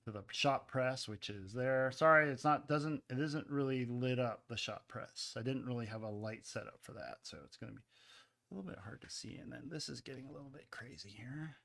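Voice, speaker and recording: Bright-voiced man demonstrating pottery. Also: medium pitch, a little fast, gravelly. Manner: casual, chatty, with frequent fillers and asides. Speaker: ceramics teacher. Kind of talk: live-stream pottery demonstration. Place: pottery studio.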